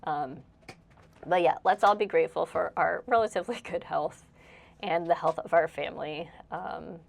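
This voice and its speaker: Narrating her house cleaning, this young female vlogger speaks in a lowish, creaky voice at a moderate pace. Her slightly congested chatter is casual and rambling, full of self-deprecating remarks and frequent laughter.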